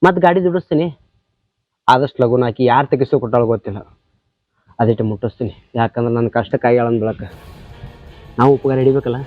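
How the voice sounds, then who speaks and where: An actor playing an indebted young tractor driver, speaking with a North Karnataka accent in a defensive, pleading way. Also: male voice, medium pitch, fast talker, long pauses, dry recording, natural voice. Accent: North Karnataka Kannada. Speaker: tractor driver in a village drama. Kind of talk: short-film acting. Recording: slightly dull audio, faint music.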